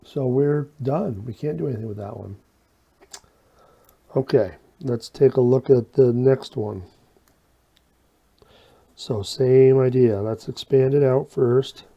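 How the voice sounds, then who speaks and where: A man teaches an informal, step-by-step math video lesson in a folksy way, talking while he works problems and asking and answering his own questions. His medium-pitched voice is slow and creaky with long pauses and a slight whistle on his s sounds. The audio is dull.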